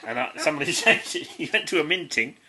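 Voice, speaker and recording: Talking fast in a slightly high, expressive voice that sounds pushed and bright, the English podcast co-host giggles his way through a child's stories. He trips over words frequently and interrupts himself with asides.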